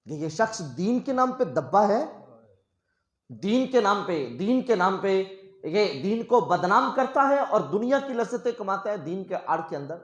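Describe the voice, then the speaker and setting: A stern male judge barks orders and denounces the accused, as a preacher quotes him in his sermon. The voice is fairly high and commanding. It rings out in an echoey room. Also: big pitch swings.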